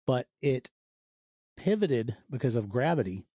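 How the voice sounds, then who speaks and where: Guesting on a podcast, this audio fiction producer in his forties shares stories in a relaxed interview, acting out little quoted asides as he goes. His medium-pitched voice is very animated, warm and husky, with a measured pace. The recording is clean studio sound with no room sound.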